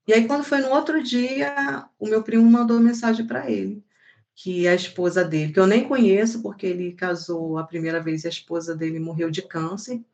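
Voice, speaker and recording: A woman with a Brazilian accent, a mother telling a personal testimony in an animated way and acting out the dialogue she quotes. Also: medium pitch, moderate pace, vocal fry.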